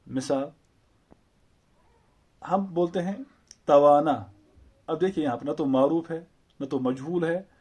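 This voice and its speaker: A man teaching an Urdu grammar lesson, explaining slowly and patiently with repeated examples and rhetorical questions. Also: on the high side, darkish tone.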